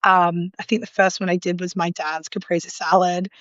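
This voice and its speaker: An Australian woman guesting on a live online interview, a food illustrator, speaks at normal speed in a voice on the low side, a bit bright, with fairly even intonation. She chats casually with many ums, likes and small laughs over a remote call from her apartment in a loud city, sirens outside. The recording is muffled, with no room sound.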